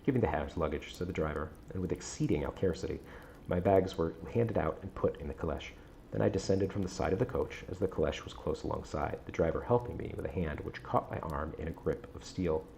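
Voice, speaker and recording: Very deep, gravelly man reading gothic fiction. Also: a little fast, warm tone, a little hiss or hum. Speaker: audiobook-style reader on a stream. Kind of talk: reading a gothic novel aloud.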